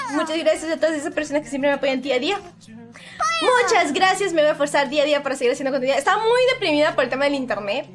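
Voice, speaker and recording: A woman's voice: high voice, a bit bright. A young woman streaming live, chatting casually, reading chat messages aloud and laughing often. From Peru.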